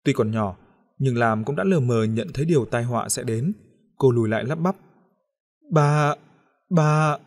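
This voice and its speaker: Man, audiobook narrator, measured storytelling, mid-pitched voice. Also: a little mellow.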